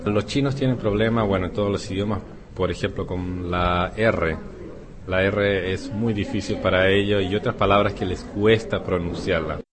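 Speaking with a deep voice at a moderate pace, a Spanish teacher from Chile rambles easily through an interview with some hesitation, his Chilean Spanish accent clear. A crowd can be heard behind him.

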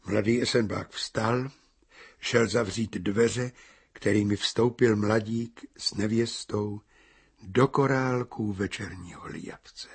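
A man reading literary fiction aloud as narrator, measured and deliberate. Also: mid-range voice, fairly bright tone, slightly rough. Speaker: reader.

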